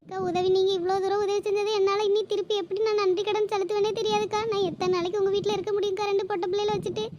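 A grieving young cartoon mother, voiced by a woman pours out her sorrow. The voice is piercingly high and squeaky, and the words tumble out quickly. A faint background hum sits under it. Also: level tone. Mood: tearful lament. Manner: pleading, lamenting. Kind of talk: cartoon voice acting.

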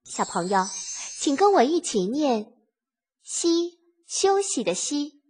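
A high-voiced woman teaches small children in the manner of someone reading to a toddler. Her pitch swings in a lively singsong, and she goes slowly through simple scripted lines, repeating words to be followed. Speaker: children's literacy teacher and narrator.

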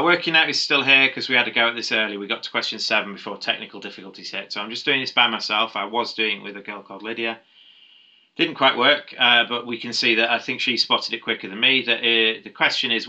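A man's voice: lowish voice, bright, forceful tone. A man working through a maths challenge paper step by step, thinking aloud with frequent ums and small restarts. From United Kingdom. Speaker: maths tutor.

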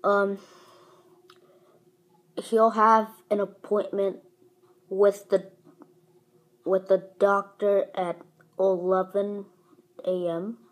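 Slow, chatty woman vlogger. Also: mid-range voice, little pitch movement, poor audio. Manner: chatty, talks while eating. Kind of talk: casual vlog chat. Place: at home over breakfast.

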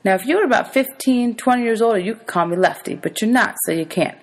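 A woman voicing a kindly, teasing man in a storybook, animated and wordy, given to exaggeration. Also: a little high, fast talker, voice pushed up, low-quality recording. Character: grown man, teasing, exasperated, kindly motorist.

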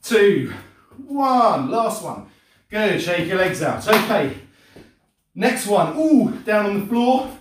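A man's voice: high voice, a little hiss or hum. A middle-aged man leading an exercise class as instructor, coaching in short, encouraging commands. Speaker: fitness and martial arts instructor. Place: indoor home gym, hard walls. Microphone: distant camera mic across the room. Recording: echoey room, far from the mic.

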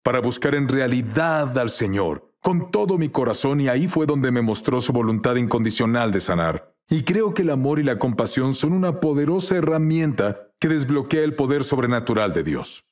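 A man's voice: medium pitch, animated, normal speed, few pauses, darkish tone. A man as the guest minister in a dubbed interview, telling testimonies earnestly and acting out quoted dialogue.

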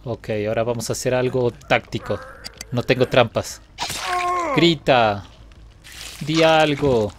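A man giving playful, taunting live commentary while playing a game, now and then breaking into excited laughter. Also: mid-range voice, slow, long pauses, a little hiss or hum. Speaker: gaming video host.

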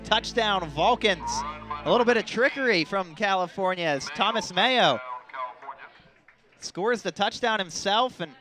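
A young American man doing live football play-by-play with an excited touchdown call. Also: sits high, normal speed, over music. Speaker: play-by-play announcer.

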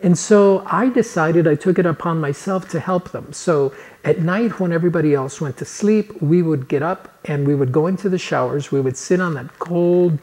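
Recorded roughly on a lapel mic, a Chilean-born man in his fifties speaks at a moderate pace in a fairly high, slightly mellow voice. Working as a personal coach, he sits on a living-room couch indoors and earnestly tells a personal story in a motivational talk to camera, gesturing with his hands.

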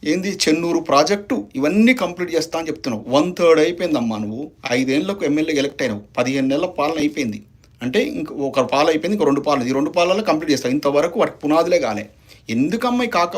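A man giving a heated political statement, firing off accusations and rhetorical questions. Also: a little high. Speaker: opposition party leader.

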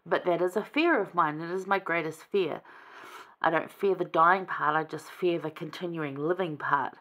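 A woman's voice: on the low side, normal speed, a bit bright. A woman giving a casual, chatty scripture lesson, enthusiastic and conversational. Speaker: scripture study teacher.

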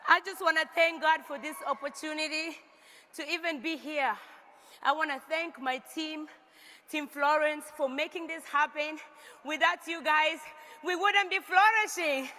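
High, bright woman speaking from a stage. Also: fairly even intonation, a little slow. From South Sudan. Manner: emotional, grateful, builds to shouts. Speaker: stage speaker at a company event. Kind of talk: reading a prepared success speech on stage. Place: large stage with reverberant hall. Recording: long hall reverb from stage.

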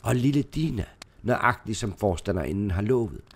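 A man's voice: on the low side, animated, a little hiss or hum. Brief: man voicing a friendly, courteous older churchman, storybook. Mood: kindly. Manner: friendly, polite. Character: kindly older male dean, courteous.

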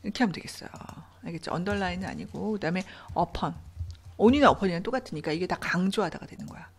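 A woman's voice: on the low side, lively intonation, fast, a little hiss or hum. A woman English teacher explaining reading passages and grammar step by step, asking her students questions as she goes. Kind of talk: online English reading lesson.

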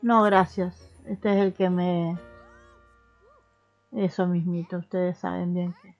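A woman's voice: lowish voice, little pitch movement, slow pace, a little mellow, muffled recording, soft background music. A young woman with a Rioplatense Spanish accent, chatting casually as she plays a life simulation game and talks to the characters. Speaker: gaming streamer. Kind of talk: casual gameplay commentary.

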